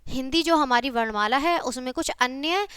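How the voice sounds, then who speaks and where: A woman teaching a children's lesson, patient and checking often that the children follow, spelling out sounds slowly one by one. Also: high voice, a bit bright, clean tone, no echo, clean studio sound. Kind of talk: classroom video lesson for children.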